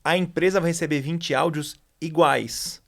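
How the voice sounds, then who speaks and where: A man's voice: fairly high pitch, normal speed, vocal fry, fairly bright tone. A Brazilian man hosting a podcast who asks clarifying questions in casual conversation. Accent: Brazilian Portuguese. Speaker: podcast host. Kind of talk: conversational interview.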